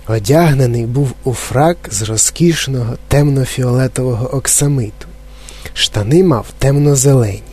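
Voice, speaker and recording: A man narrating a children's storybook in a measured, softly expressive way. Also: medium pitch, breathy edge. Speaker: audiobook narrator.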